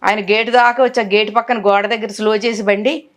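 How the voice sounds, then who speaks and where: A woman's voice: mid-range voice, fairly quick. A woman in her sixties, an actress telling emotional stories of her film career in an interview, acting out what others said to her. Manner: animated, acts out others' words in quotes.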